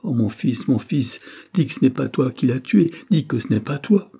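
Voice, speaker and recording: A man's voice: on the low side, brisk, warm tone, breathy edge. A man voicing a middle-aged father questioning sharply, stern and tense. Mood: anguished.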